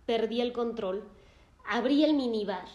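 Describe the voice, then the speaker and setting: Una mujer haciendo de un hombre angustiado. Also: female voice, on the high side, darkish tone, reverberant, lo-fi sound, close to an everyday voice. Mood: distressed. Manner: anguished, self-blaming, halting. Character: distraught grown man, an anxious therapy patient.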